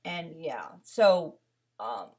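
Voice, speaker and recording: A woman's voice: low voice, sing-song, drawn-out words, darkish tone, husky. A woman in her thirties telling her own story in a casual vlog, rambling and candid, with many fillers and restarts. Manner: rambling and candid, with frequent fillers and self-corrections. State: emotional, near tears. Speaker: vlogger.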